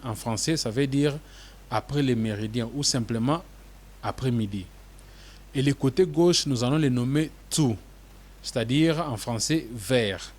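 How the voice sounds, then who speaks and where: A man narrating a language lesson in a measured, explanatory way, spelling out terms. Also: mid-range voice, a little mellow. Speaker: English teacher.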